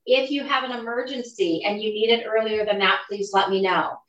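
Woman coach giving pointers, lively and instructive, bright voice, a bit far from the mic. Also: on the high side, a little fast, muffled recording. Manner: energetic, instructive. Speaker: business coach. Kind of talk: coaching advice on a podcast. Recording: roomy, mic a bit distant.

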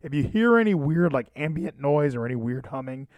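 A man's voice: on the high side, animated, fairly quick, darkish tone, no echo. A man hosting a podcast in casual, rambling chat, often interrupting and repeating himself. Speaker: podcast and livestream host. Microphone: handheld microphone.

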